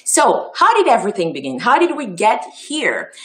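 A woman's voice: mid-range voice, wildly swooping pitch, moderate pace, a bit bright. A woman from Haiti with a French and Creole accent, giving a chatty presentation full of ums and restarts. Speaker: festival founder giving a talk. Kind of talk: casual presentation talk.

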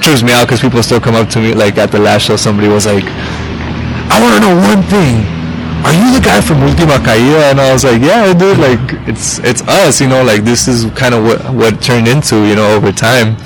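A gravelly, mid-range male voice, animated and brisk, comes through against a noisy background. The speaker is a musician in his thirties on a podcast, chatting casually in a rambling way that's full of fillers and restarts.

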